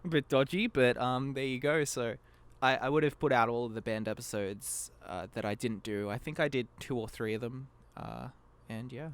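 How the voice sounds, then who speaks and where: Clean in tone, his mid-range voice moves at normal speed with almost no pauses. Guesting on a casual podcast interview, the man, who creates a fan abridged series, rambles self-deprecatingly and breaks off before finishing ideas.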